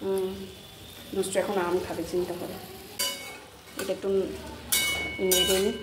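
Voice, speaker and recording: A woman's voice: mid-range voice, little pitch movement, a little slow, heavy background noise. A woman in her thirties with a Bengali accent, chatting casually in a home vlog, rambling and coaxing her child while she cooks. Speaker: vlogger, mother. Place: home kitchen.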